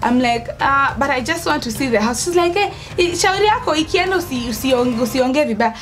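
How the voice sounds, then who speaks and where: A young Kenyan-accented woman speaks in a high, expressive voice at a slightly fast pace, with soft music in the background. She's telling a casual story to camera from indoors at home by an open doorway, acting out the dialogue theatrically and dropping into Swahili.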